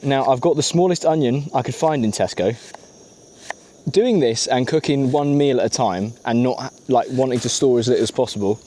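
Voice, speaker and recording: A man's voice: medium pitch, normal speed, mellow. Casting: British male camping vlogger, matey and jokey, conversational delivery, faint ambient noise outdoors. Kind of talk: casual vlog chat while cooking outdoors. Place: outdoors at a campsite.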